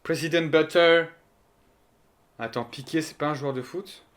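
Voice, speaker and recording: A man with a fairly high voice hosts a live stream in casual chat. He jokes, thinks out loud and answers his viewers as he goes. He speaks close to a desk mic. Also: measured pace.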